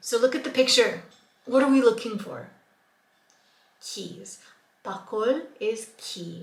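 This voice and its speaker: A woman's voice: a little high, drawn-out words, vocal fry, roomy sound. A woman teaching a language lesson online, patiently repeating words for learners.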